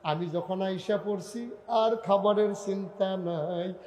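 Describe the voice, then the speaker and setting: A male preacher voicing a humble, gentle old ruler who weeps, speaking softly and remorsefully. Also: high-pitched, slow pace, big-room sound, a little hiss or hum. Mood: reassuring. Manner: soft, tender, remorseful.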